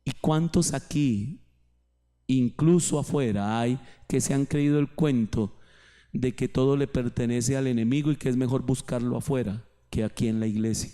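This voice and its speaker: A man's voice: medium pitch, moderate pace, warm tone. A male pastor preaching a sermon in church, rising and dropping his voice for emphasis.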